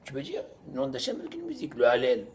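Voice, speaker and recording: A man, teaching an informal Torah class to students in an animated, joking way, moving between loud bursts and quiet asides. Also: medium pitch, fast talker, creaky, slight background noise.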